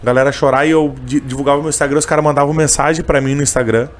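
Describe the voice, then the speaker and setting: A man's voice: on the high side, fairly even intonation, racing, soft background music. A man telling a personal story in a casual interview, emotional and full of fillers. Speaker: interviewee, candy seller who sings on trains.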